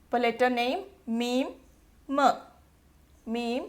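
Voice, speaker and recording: A woman's voice: fairly high pitch, fairly even intonation. Patient Malayali woman teaching letters. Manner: patient, repeats each letter sound slowly. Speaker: Arabic tutor. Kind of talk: step-by-step alphabet lesson.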